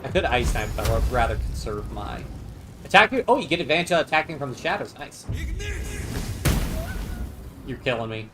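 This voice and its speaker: A man streaming a game, chatting casually and thinking out loud about his moves, with game music behind. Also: mid-range voice, expressive, moderate pace, long pauses. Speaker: gaming streamer. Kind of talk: casual gameplay commentary.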